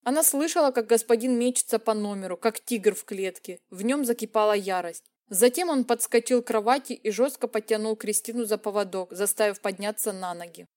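A woman narrating a romance audiobook in a measured, emotive reading. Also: mid-range voice, darkish tone.

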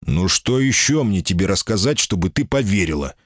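A man's voice: sits low, expressive, normal speed, no echo, studio quality. A man voicing a proud, impatient male jinni in human form, curt in his speech, in an audiobook reading.

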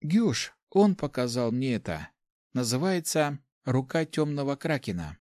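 A man voicing a gentle young woman, an apprentice assassin, speaking softly and calmly in a storybook reading. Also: mid-range voice, a little slow, dry recording, studio quality, voice pushed up.

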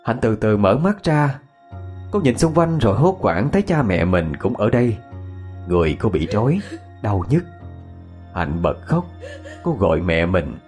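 A man's voice: fairly low pitch, very animated, a little slow, pauses often, a little mellow. A man narrating a scripted ghost story with dramatic expression. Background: faint music.

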